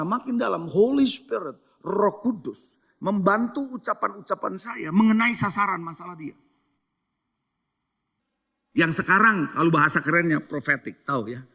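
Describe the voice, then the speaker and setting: A man's voice: high voice, animated, normal speed, creaky, bright, forceful tone, slightly rough. A middle-aged male pastor preaching a sermon. He tells stories, asks the congregation questions and mixes English phrases into his preaching. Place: church hall.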